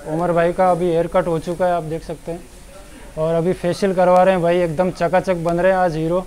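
High-voiced young man giving a market tour. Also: little pitch movement, a little fast, a little mellow, clean tone, low-quality recording. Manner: chatty, points things out to viewers. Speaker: vlogger. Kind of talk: casual walking-tour vlog. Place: busy outdoor market street and shops. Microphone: clip-on lapel mic.

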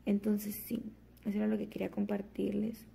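Gravelly, husky woman chatting. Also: medium pitch, monotone, fairly quick, warm tone. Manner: rambling, chatty, many fillers. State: just woke up, fasting. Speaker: vlogger. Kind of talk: casual chat to camera. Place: at home.

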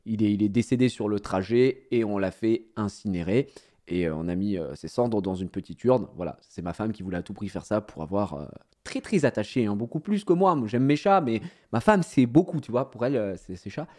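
Animated storytelling man with lively pitch. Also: brisk. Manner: animated, slangy, laughs at his own story. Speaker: streamer. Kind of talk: casual storytelling to viewers.

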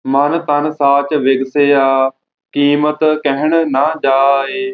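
Man reciting scripture, very slow and flat. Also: mid-range voice. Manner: very slow, flat, measured reading line by line. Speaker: student reciter. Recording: tinny phone-like audio.

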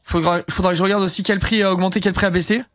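Young male streamer, high voice, rambling casual chat, dry close sound. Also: steady tone, racing, a bit bright, no echo. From southern France. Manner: rambling, heavy fillers, casual swearing. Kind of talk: casual live-stream chat while gaming.

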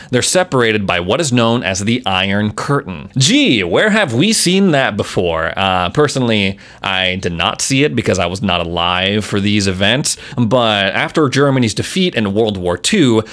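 A male YouTuber talking through a topic in a casual, enthusiastic way, with slangy asides. His voice sits somewhat low, but his pitch swings widely. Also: fairly bright tone. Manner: enthusiastic, chatty, lightly profane asides. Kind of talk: casual explainer video.

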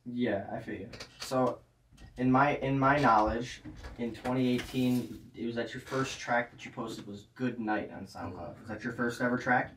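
A man hosting a casual podcast interview, laid-back and quick to laugh. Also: medium pitch, fairly even intonation, a bit bright. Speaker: podcast host. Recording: roomy, distant mic, faint noise.

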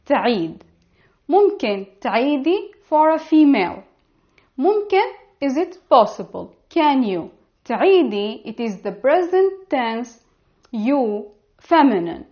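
A woman with a fairly high voice and a Levantine Arabic accent gives an instructional language lesson. She enunciates each phrase with care and repeats it. The sound is slightly dull, picked up on a lapel mic. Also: very animated, normal speed. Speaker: language teacher. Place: small indoor room.

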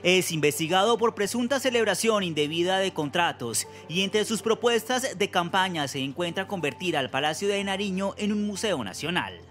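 A man narrates a news profile in a formal, measured voice-over. His voice sits high, with faint music under it. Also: lively intonation, fairly bright tone.

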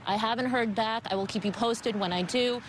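A woman in her thirties with a fairly high voice, delivering a news report. Her broadcast delivery is measured and emphatic, over faint background noise.

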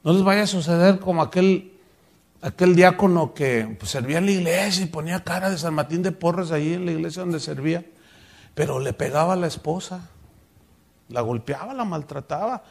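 A man's voice: a little high, normal speed, creaky. A man preaching a sermon as pastor, in a conversational style that asks the congregation questions.

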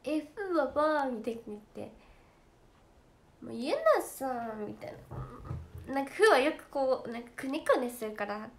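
A young woman with a Kansai accent chatting casually on a livestream for fans, giggly and talkative, slipping into quick impressions of friends. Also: high voice, expressive. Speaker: idol trainee streaming to fans.

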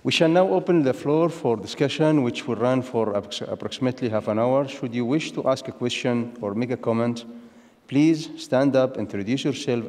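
A man's voice: mid-range voice, darkish tone. A man moderating a lecture, thanking the speaker and reading out the rules for questions in a polite, scripted way. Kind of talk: formal event moderation. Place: lecture hall. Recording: long hall reverb.

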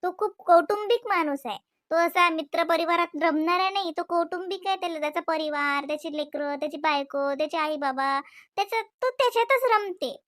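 A woman's voice: very high-pitched, brisk, a bit bright, no echo, clean studio sound. A woman plays a wife in a domestic comedy skit. She complains with worry and pushes her point with heated insistence. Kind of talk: scripted domestic comedy dialogue.

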